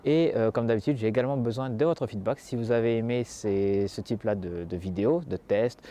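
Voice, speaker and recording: Man, lowish mellow voice, rambling outro outdoors in a town, faint street noise. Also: fairly quick. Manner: hesitant, many fillers. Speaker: drawing teacher. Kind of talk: casual vlog sign-off.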